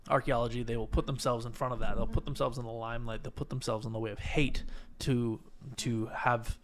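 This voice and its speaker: A man co-hosting a podcast in casual chat, animated and swearing freely, often ending points with rhetorical questions. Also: medium pitch, fairly quick. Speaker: podcast co-host.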